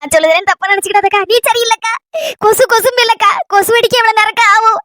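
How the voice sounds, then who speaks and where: A bossy, meddling village woman eggs on her friend in rapid, pushy gossip with a Kanyakumari Tamil accent, as a woman puts her on. The voice is very high and sharp, with a quick pace. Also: dry recording. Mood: egging on.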